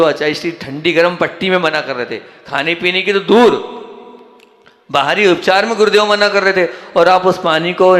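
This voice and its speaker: In an echoey hall, a Jain monk from central India delivers a conversational discourse, posing questions to his listeners and then answering them himself. His voice is slightly high and fairly bright.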